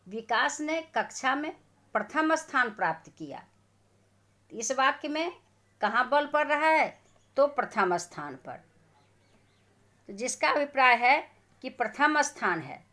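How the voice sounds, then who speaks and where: A woman's voice: fairly high pitch, fairly bright tone. A woman teacher giving a grammar lesson to schoolchildren, asking questions and answering them herself.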